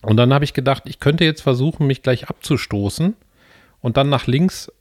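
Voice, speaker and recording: A young man co-hosting a casual podcast, telling a story from his childhood in a relaxed way. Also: mid-range voice, moderate pace, dry recording, studio quality. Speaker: podcast co-host. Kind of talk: casual chat.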